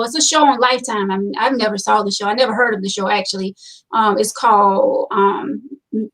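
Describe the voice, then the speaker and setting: A woman's voice: fairly high pitch, far from the mic, slight background noise, low-quality recording. A woman hosting a casual talk show, chatty and opinionated, repeating points for emphasis. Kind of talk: casual chat.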